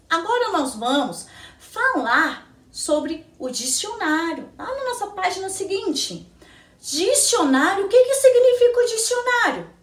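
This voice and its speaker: Brazilian lady teacher, high lively voice, echoey room kinda far from the mic. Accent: Brazilian Portuguese. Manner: slow, sing-song teacher talk, answers her own questions. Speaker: primary school teacher. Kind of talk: recorded lesson for children.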